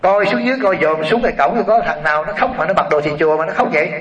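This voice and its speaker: A man voicing an indignant, sharp-tongued wealthy older woman, in a roomy hall. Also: low voice, rapid-fire, muffled recording, crowd noise, natural voice. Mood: bossy. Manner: indignant, scolding.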